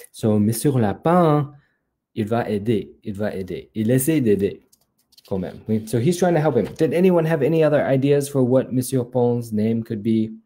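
A male teacher hosting a children's story time, patiently repeating words so young learners can follow. He speaks slowly with a warm, mellow tone. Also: mid-range voice. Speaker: language teacher.

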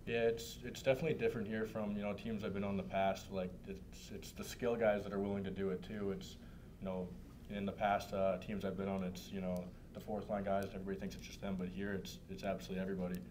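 A man's voice: low-pitched, little pitch movement, fast, a little mellow, a little hiss or hum. A young man, a hockey player, talking casually with lots of fillers at a press table mic. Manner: casual, filler-heavy, laid-back. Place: press room, seated at a table. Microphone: table microphone.

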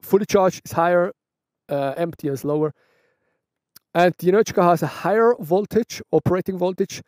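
Sitting by a roadside bench outdoors, a motovlogger from Switzerland fields viewer questions in a relaxed vlog, chatting away in a Swiss German accent and frequently starting sentences over. His voice sits high with a darkish tone at a moderate pace, captured in studio quality without echo.

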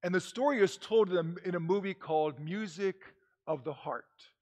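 Older male priest, solemn public delivery, fairly high pitch, long cathedral echo. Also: moderate pace, a little mellow. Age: older, 60s or 70s. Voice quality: echoing cathedral sound. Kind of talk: Gospel reading and homily. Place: large stone church, indoors. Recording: long echoing church reverb.

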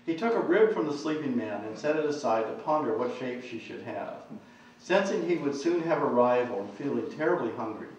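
A male author reads aloud from his novel at a talk, in a measured storytelling manner. He is far from the mic in a very echoey room, with faint background noise. The audio is dull and lo-fi. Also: medium pitch. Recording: echoey, distant, dull lecture recording.

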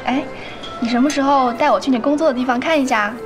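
A woman's voice: high voice, quick pace, close to an everyday voice. An actress in her twenties playing a sweet young girlfriend in a TV drama, pleading in a coquettish, whiny way. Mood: coy, coaxing. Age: 20s. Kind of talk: TV drama acting. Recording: background music.

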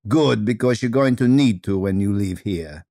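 A man voicing a commanding elderly woman movement teacher with a Russian accent, speaking slowly and theatrically. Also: lowish voice, mellow, dry recording, studio quality, lightly acted. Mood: withering. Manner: slow, theatrical, drawn-out vowels.

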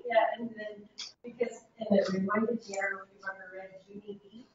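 A woman student chatting casually, telling animated stories full of "like". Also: medium pitch, brisk, a little hiss or hum. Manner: animated storyteller, many "like"s. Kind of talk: casual chat. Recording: echoey, distant, dull classroom recording.

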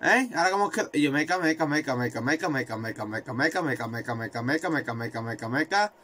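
A man commentating his own football video game, excitable and swearing, repeating words in rapid bursts. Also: medium pitch. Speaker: gaming video creator.

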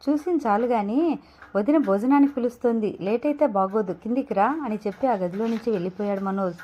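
A woman reads a serialized audio novel aloud in a steady, measured way. Her voice sits fairly high, and the recording has a dull, lo-fi sound. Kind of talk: scripted story narration.

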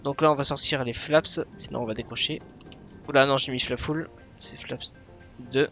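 A man's voice: medium pitch, steady tone, moderate pace, bright, forceful tone. Man casually commentating, faint music behind. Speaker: flight simulator tutorial presenter.

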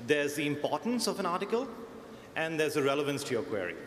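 A search engineer on a conference panel, a man with a mixed American and Indian accent, speaks thoughtfully in a fairly high, sing-song, slightly bright voice, fast and often restarting phrases. The large conference hall sounds echoey, with faint noise.

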